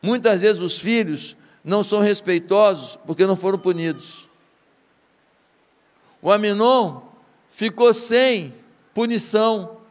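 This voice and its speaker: In a large hall, a pastor speaking with a Brazilian Portuguese accent delivers a sermon, recounting a story with drama and pressing the congregation with rhetorical questions. His voice is high-pitched.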